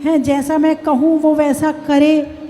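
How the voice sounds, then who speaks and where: A high-pitched woman preaching a sermon, speaking slowly with a mellow tone. She keeps asking her listeners questions and presses them to reply. Her voice carries long reverb from a large hall, with faint noise behind. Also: little pitch movement. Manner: asks the audience questions and urges them to answer; acts out quoted household speech. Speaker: Jain nun preacher. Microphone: microphone with added echo.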